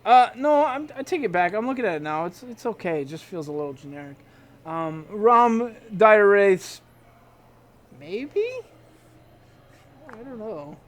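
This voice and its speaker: A man's voice: high-pitched, sing-song, unhurried, pauses often. A man hosting casual weekly comic reviews, chatty and hesitant, restarting sentences and calling out emphatic verdicts. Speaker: comic shop review show host.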